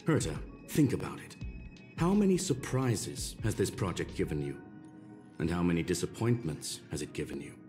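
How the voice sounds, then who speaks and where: A male actor voices a courteous, rational robot scholar in a video game, sounding calm and regretful yet firm and questioning. His low voice delivers formal, measured, precise diction, with faint music behind him.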